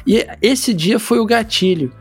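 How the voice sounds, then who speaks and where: A Brazilian man with a Brazilian accent in casual podcast chat, telling stories in a slangy, animated way. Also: high-pitched, a little slow, breathy edge, soft background music.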